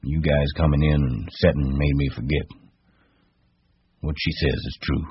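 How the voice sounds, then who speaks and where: A man's voice: extremely low pitch, fairly even intonation, unhurried, husky, no echo, heavily acted. A man voicing a proud, guarded and bitter stable hand, in an audiobook. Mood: dull, guarded. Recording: dull, muffled lo-fi audio.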